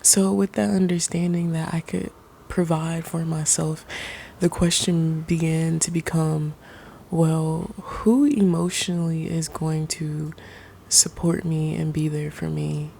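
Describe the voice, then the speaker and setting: A woman giving a soft, hushed ASMR pep talk, reflective and halting, drifting at times toward a whisper. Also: deep voice, flat delivery, gravelly, slight background noise. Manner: halting, pausing mid-sentence. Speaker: ASMR creator.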